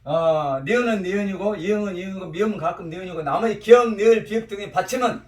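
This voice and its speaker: Animated male teacher in an echoey classroom. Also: high voice, fast. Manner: animated, quizzes students and has them repeat. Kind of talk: classroom lecture with call-and-response drills. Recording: roomy echo, mic at a distance.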